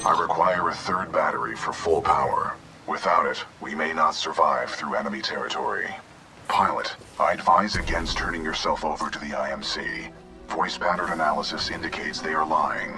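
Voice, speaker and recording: An actor playing a calm, formal male war robot in a video game, low on power and restarting his systems, reporting in a measured, precise way. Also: distant mic, music in the background. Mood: advising.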